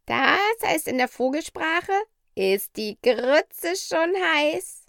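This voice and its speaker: A woman voicing a proud, bossy female parrot in a storybook reading, speaking slowly and emphatically. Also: high-pitched, expressive, creaky, fairly bright tone, no echo, clean studio sound, pitched above the performer's own voice, heavily acted. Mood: matter-of-fact. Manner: slow, emphatic, lecturing.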